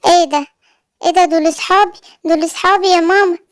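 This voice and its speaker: Woman doing a squeaky little lion cub. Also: fairly even intonation, quick pace. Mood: pleading. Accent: Egyptian Arabic. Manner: squeaky childlike voice. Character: little boy lion cub, guilty and sulky. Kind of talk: children's cartoon story voices.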